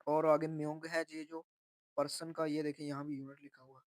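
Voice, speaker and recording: A man teaching a textbook lesson, slowly repeating each phrase and then explaining what it means. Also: fairly high pitch, little pitch movement, dry recording. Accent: Urdu-Hindi speaker. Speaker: Korean language teacher.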